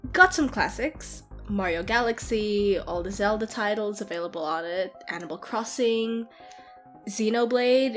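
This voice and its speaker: In a casual audio roleplay, a woman voices a nerdy gamer girlfriend who is excitable and teasing, chatting one-sidedly to her partner. Her medium-pitched voice sounds close to everyday speech, giggly and animated with playful ranting, over game-like background music.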